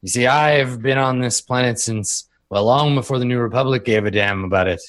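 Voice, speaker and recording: A man's voice: medium pitch, a bit bright, lightly acted. A man voicing a smug, rich whale-like alien minister. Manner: slow, drawling and self-satisfied.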